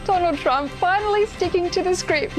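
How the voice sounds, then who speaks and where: A woman's voice: very high-pitched, moderate pace, over music. A woman reading scripted news as an anchor, breaking into giggles as she reads.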